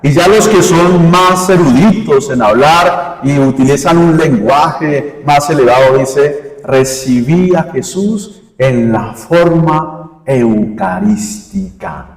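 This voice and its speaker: Priest giving a homily, keeps quizzing the flock. Slow, a touch high, heard from afar in a roomy church. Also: male voice. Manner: quizzes the congregation with rhetorical questions. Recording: echoey church hall from far off.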